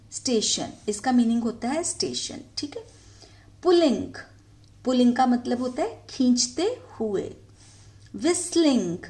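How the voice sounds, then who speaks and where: A woman teaches young children, with a fairly high voice that rises and falls a lot. She reads each line slowly and carefully and checks in often as she goes. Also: a little mellow. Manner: slow, careful reading of English lines, repeats "ठीक है" often. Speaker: English teacher. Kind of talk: Hindi-explained English lesson for young children.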